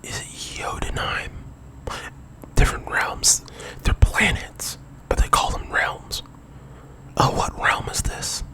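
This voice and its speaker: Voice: takes it slowly, long pauses, pushed and bright, poor audio. Whispering young adult ASMR rambler. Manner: whispering throughout; casual, rambling with digressions. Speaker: ASMR video creator.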